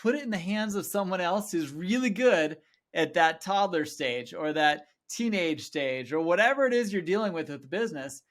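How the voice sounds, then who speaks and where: A man hosting a business podcast, asking long, rambling questions and warmly affirming his guest's answers. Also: high voice, animated, moderate pace. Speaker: podcast host. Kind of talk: podcast interview.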